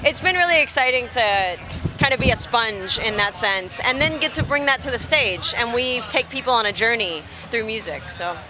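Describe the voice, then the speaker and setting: A young woman from Texas, a musician being interviewed outdoors, telling stories in an animated, chatty way and laughing easily. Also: fairly high pitch, normal speed. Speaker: musician guest. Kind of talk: casual interview chat. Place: outdoors at a festival near traffic.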